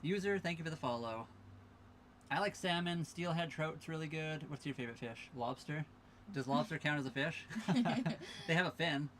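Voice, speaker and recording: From the cabin of his sailboat docked at a marina, a tired young man livestreams, casually chatting, reading viewer questions aloud and thanking his followers. His voice sits a little high and a bit bright, at a normal speed, with a faint hiss or hum in the background.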